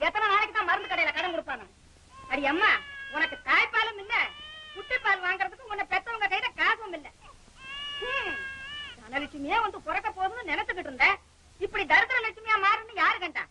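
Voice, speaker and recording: A shrill scolding aunt. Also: female voice, expressive, fairly quick, noisy background. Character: sharp-tongued scheming older aunt. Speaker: scheming aunt in a family film. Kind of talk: 1960s film acting.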